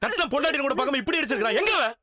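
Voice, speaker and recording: An actor playing a hot-tempered young husband in a Tamil TV serial, speaking angrily and forcefully. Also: male voice, very high-pitched, sing-song, racing, exaggerated voice. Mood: angry. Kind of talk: TV serial acting.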